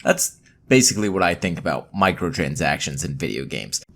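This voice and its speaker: A young man giving an opinionated gaming commentary, talking with sarcastic asides and mock excitement. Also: sits low, brisk, creaky, a little hiss or hum. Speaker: gaming YouTuber.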